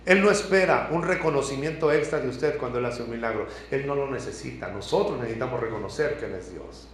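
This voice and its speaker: A man preaching a sermon as pastor, swinging from hushed, intimate lines to loud, impassioned ones. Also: medium pitch, quick pace, slight background noise. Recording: very echoey church hall.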